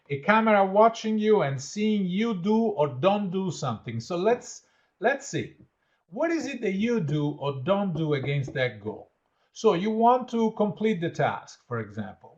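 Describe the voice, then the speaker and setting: A high-pitched man, born in Italy and speaking with an Italian accent, conducts an online training session in a muffled recording. As workshop trainer he praises and reads out participants' answers, encouraging them with repeated "absolutely"s.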